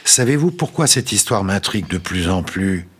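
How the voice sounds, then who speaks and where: A man's voice: low-pitched, big pitch swings, normal speed, fairly bright tone, husky, heavily acted. A man voicing an eager, puzzled young man. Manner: earnest, puzzled, insistent. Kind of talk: storybook reading.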